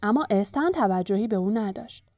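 A woman narrating a storybook in a calm, even reading voice. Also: medium pitch, no echo, studio quality, faint music behind. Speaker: audiobook narrator.

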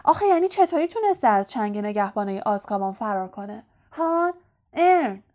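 A chatty, excitable young bus conductor, voiced by a woman in an audiobook reading. He talks high and fast with gossip, pressing his listener for agreement. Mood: gossipy. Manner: gossipy, keeps asking for agreement.

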